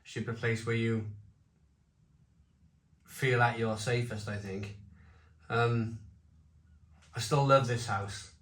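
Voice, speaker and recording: A man giving a casual, unscripted review at home, talking haltingly and repeating his phrases. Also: mid-range voice, level tone, a bit bright. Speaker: food and beer reviewer. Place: home conservatory. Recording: roomy echo, faint background noise.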